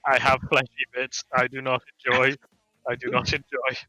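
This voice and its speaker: A malfunctioning robot, voiced by a man at the gaming table, glitches through repeated error messages in a flat, looping delivery. The tone is bright and forward, with the dry, close sound of a home mic. Faint music plays behind. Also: medium pitch, normal speed, no room sound, rough recording. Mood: glitching. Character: glitching male robot, flustered by new flesh. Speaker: tabletop game player. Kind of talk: in-character roleplay.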